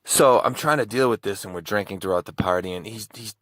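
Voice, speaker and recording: Deep-voiced man rambling through a story. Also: fast talker, a bit bright. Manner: rambling, with frequent restarts. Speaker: true crime video host. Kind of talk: casual personal storytelling.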